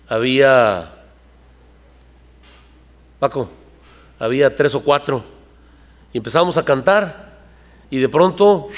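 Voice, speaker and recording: A pastor with a medium-pitched voice preaches a sermon to his congregation in a church hall, where a long reverb tail trails his words. He talks conversationally and poses rhetorical questions.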